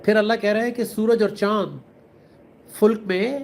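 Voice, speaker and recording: A man with a Pakistani accent gives an earnest Islamic talk, using everyday examples and mixing in English words. His voice is high-pitched and his tone steady.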